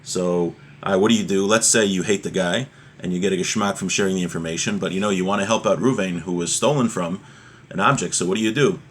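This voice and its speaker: With a low-pitched voice and a fast way of talking, this religious teacher leads an informal lesson, reading, explaining as he goes, and posing rhetorical questions to the listener. There's slight background noise.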